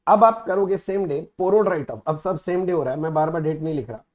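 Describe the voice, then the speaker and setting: Male accounts teacher with a high-pitched voice. Casual lecture delivery, mixes Hindi and English, keeps checking in with the class. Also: fast, lo-fi sound. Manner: mixes Hindi and English, asks students frequent check-in questions. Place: recorded teaching video.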